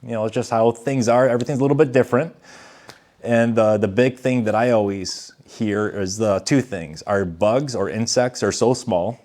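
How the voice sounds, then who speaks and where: Low-voiced man spinning a rambling story. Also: moderate pace, darkish tone. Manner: rambling storyteller, chuckling, swears. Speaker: podcast co-host. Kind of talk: casual chat.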